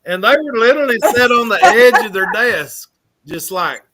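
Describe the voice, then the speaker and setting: A man's voice: very high voice, expressive, normal speed, a loud crowd. A man from Mississippi with a Southern accent, telling his story in a folksy, casual way. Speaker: guest sharing his story.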